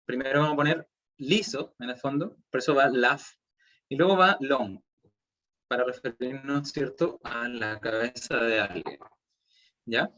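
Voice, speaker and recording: A man's voice: medium pitch, measured pace, sharp tone, muffled recording. A man with a Chilean Spanish accent teaching a language class online, explaining step by step and checking in with students often.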